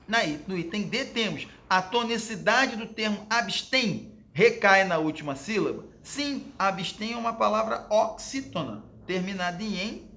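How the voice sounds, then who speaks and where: High-voiced Brazilian man teaching grammar. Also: vocal fry, bright, forceful tone, a little hiss or hum. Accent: Brazilian Portuguese. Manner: explains patiently, addresses students as "pessoal"; fillers like "ok?", "né?" and "ó". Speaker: Portuguese teacher. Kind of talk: exam question walkthrough lesson.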